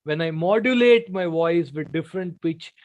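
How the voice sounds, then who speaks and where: A man's voice: fairly high pitch, normal speed, lo-fi sound. A man with an Indian English accent, giving a life-skills lecture to students and playing with his volume and pace to make his points. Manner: shifts volume and pace to demonstrate. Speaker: trainer. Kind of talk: classroom lecture.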